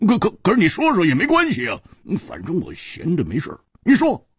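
A man voicing a hot-tempered, stammering male swordsman who shouts in high bursts. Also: huge pitch swings, fairly quick, breathy edge, dry recording, studio quality, full character voice. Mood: hot, blustering.

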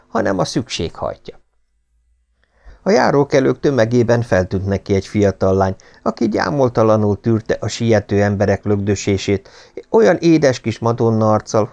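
A man reading a novel aloud as an audiobook narrator, in expressive storytelling. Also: fairly low pitch, creaky. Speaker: audiobook reader. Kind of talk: scripted narration.

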